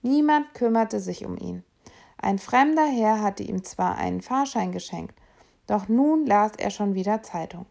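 A woman narrating a children's novel aloud in a steady, expressive storytelling manner. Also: medium pitch, unhurried, creaky. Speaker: reader.

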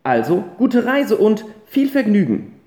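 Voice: mid-range voice, sing-song, a little slow, darkish tone, voice pushed up. A reader voicing a chatty, bustling baker's wife in an audiobook. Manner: bustling, gossipy. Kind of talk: audiobook character reading. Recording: roomy echo.

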